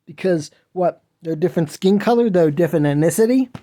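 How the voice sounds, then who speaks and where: This podcast host speaks in a high-pitched, animated, fairly quick voice with a dark tone. Alone on the mic, he delivers a whiny, impassioned monologue, earnestly preaching and pleading with his listeners.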